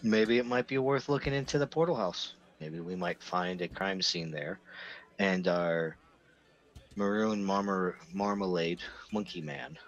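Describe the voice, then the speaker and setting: A man's voice: low voice, a little slow, muffled recording. A man playing a tabletop game in casual chat, joking around and sometimes putting on voices. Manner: playful, jokey, sometimes puts on voices. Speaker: player.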